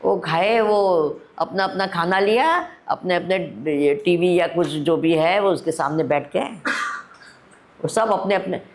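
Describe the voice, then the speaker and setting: Woman swami teaching at a camp, talks real slow, keeps asking the crowd stuff. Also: fairly low pitch. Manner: unhurried, asks the audience questions, mixes Hindi and English. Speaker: spiritual teacher. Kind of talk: discourse to a camp audience. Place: spiritual camp hall.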